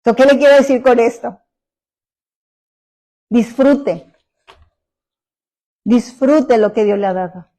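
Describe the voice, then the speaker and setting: A woman's voice: fairly high pitch, slow, long pauses, warm tone, poor audio. A woman pastor preaching a sermon, emphatic, full of rhetorical questions to the congregation.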